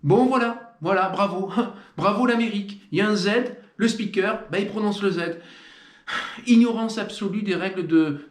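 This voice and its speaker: A man's voice: sits high, reverberant. A man hosting a trail running video, with playful, mock-solemn scripted commentary and theatrical emphasis.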